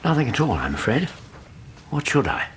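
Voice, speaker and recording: An actor playing a modest, amiable British gentleman doctor in a period radio drama, polite and gently self-deprecating. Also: mid-range voice, big pitch swings, normal speed, slight background noise. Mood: bemused.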